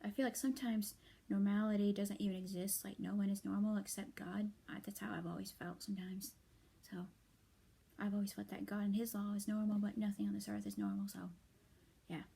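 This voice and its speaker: A weary young woman vents to her viewers late at night, her slightly hoarse voice soft, broken up, and often dropping to a half-whisper, with many filler words. She's a vlogger with a medium pitch and a level tone.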